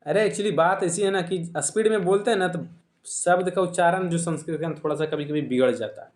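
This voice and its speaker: A man's voice: sits high, a little fast. Bihari guy teaching grammar online, goes thru each example twice, echoey room sound. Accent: Bihari Hindi. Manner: explains step by step, repeating each example.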